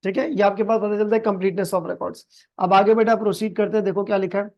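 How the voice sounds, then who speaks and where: In a recorded video lecture, a man tutors students for an accounting exam, speaking with a Pakistani Urdu accent, mixing in English terms, and repeatedly calling them "beta". He reads English passages slowly and deliberately, in a high voice with a steady tone, and the audio sounds dull.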